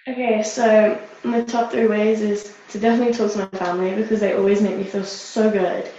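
A woman's voice: mid-range voice, little pitch movement, fairly quick, mellow, a little hiss or hum. A young woman from Britain, answering interview questions in an earnest, upbeat way with many "like" fillers. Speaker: guest, social media creator. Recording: roomy, dull lo-fi sound.

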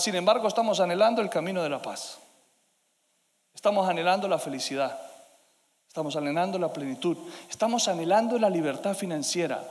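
Preacher guy, high voice, goes loud then hushed, long echoey hall. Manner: dynamic preaching, swinging between loud emphasis and hushed asides. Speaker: pastor. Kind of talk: sermon.

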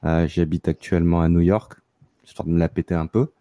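A man hosts a casual podcast. His voice sits low and mellow, and the sound is close and dry. He talks in a relaxed way, hesitating and restarting often. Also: brisk, dry recording. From France, near Marseille. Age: 30s. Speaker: podcast host.

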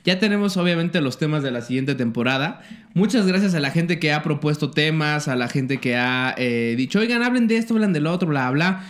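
A man's voice: on the high side, moderate pace. A man with a Mexican Spanish accent, co-hosting a gaming podcast in chatty, profane banter. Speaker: podcast co-host. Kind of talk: crude casual banter.

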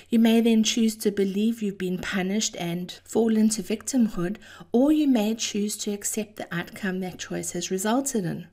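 A woman with a dark, mellow voice at a middle pitch hosts a motivational podcast. She speaks in a measured, deliberate way, leaning on key phrases. Her address to listeners is affectionate and a little theatrical. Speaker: host of a daily encouragement podcast. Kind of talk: scripted motivational monologue.

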